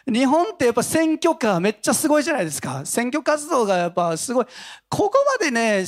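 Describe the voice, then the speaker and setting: A middle-aged man preaches a Sunday sermon in an easy, chatty way, with stories and frequent chuckles. His voice sits high for a man, and it leaps up and down a great deal as he talks. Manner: animated storytelling with frequent chuckles. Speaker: pastor. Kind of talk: conversational sermon.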